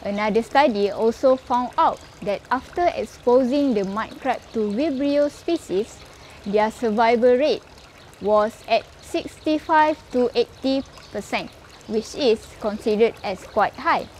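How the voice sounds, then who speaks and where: A young woman presenting an educational explainer on farming, reading facts and figures in a steady, explanatory way, filmed at medium distance. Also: on the high side, a little slow, slight background noise. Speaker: aquaculture presenter. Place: indoor aquaculture lab and outdoor farm area.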